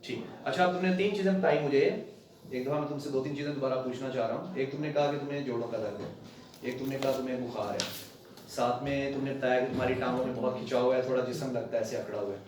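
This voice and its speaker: A male doctor examining a patient at the bedside, gently coaxing and repeating his instructions and praising the patient. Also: mid-range voice, fairly even intonation, quick pace, a little hiss or hum. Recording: very echoey ward, distant, crowd behind.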